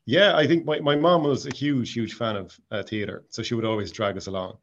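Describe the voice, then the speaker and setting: A man's voice: mid-range voice, steady tone, fairly quick, highs cut off. A man with a west of Ireland accent from Mayo, chatting casually as an interview guest about his hobby. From County Mayo, west of Ireland. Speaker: amateur drama society actor, interview guest.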